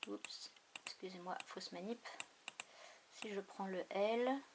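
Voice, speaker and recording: An unhurried woman narrates a casual screen tutorial, pausing often and musing aloud over each step. Her pace is slow and easy. Mouse clicks and a clear background noise run under her home recording. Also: medium pitch. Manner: unhurried, thinking aloud with frequent fillers. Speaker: craft tutorial host.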